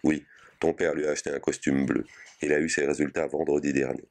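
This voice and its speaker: A man's voice: a bass voice, steady tone, brisk, vocal fry. A man reading the part of a grieving aging mother visiting her son in prison, tearful and pleading.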